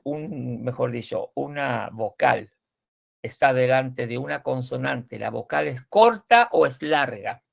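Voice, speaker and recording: A man teaching a language class, slowly explaining pronunciation, repeating words and correcting his students. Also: medium pitch, vocal fry. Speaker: Swedish teacher.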